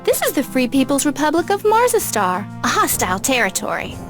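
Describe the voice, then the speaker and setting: High, prim cartoon border official. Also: female voice, wildly swooping pitch, brisk, over music. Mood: correcting. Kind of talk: cartoon game voice acting.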